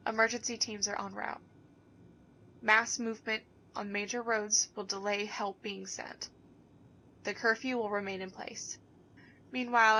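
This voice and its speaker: An actress voicing a female radio news anchor reading emergency bulletins in a measured newsreader style. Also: medium pitch, slight background noise, rough recording. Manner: measured newsreader delivery, softening into gentle pleas. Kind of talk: scripted news broadcast in a game.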